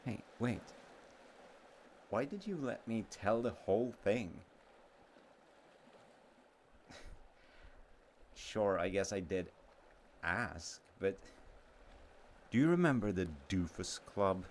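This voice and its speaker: In a romantic audio roleplay, a man voices a sweet, sincere, slightly slow childhood friend who is truly in love with an old friend. His very low, gravelly voice moves slowly and haltingly, expressive, tender and earnest, with playful, flustered moments. Clear, watery ambient noise plays behind him.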